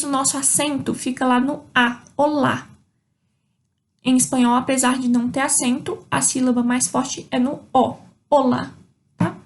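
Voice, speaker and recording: A Brazilian Portuguese-speaking woman teaching a Spanish lesson, slowly pronouncing example words. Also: sits high. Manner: slow, drawn-out demonstration of Spanish words. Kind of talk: online language lesson. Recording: faint background noise.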